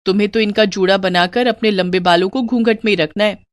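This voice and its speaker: A woman's voice: mid-range voice, steady tone, a little fast, dry recording, natural voice. A woman voicing a sly, mocking elder sister-in-law.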